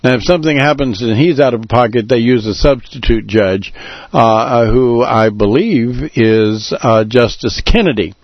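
A man's voice: mid-range voice, no echo. Hesitant male radio host, dry sound. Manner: hesitant, many filler sounds, deliberate explaining. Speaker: radio talk show host. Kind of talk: live radio talk. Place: radio studio. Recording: dull lo-fi radio broadcast.

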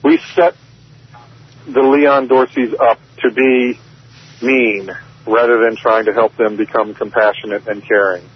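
A man's voice: mid-range voice, level tone, a little slow, breathy edge, highs cut off. A man, a professor calling in to a radio show, speaking earnestly and with feeling. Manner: earnest, impassioned, repeats words. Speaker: professor, phone guest.

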